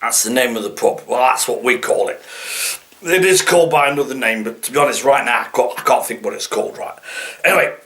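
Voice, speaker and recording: A man's voice: mid-range voice, brisk, a bit bright. A man with a Nottingham East Midlands accent giving a comic, rambling monologue to viewers, grumbling in mock annoyance and stammering over repeated words as he digresses. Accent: East Midlands English, Nottingham. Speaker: comic dialect vlogger.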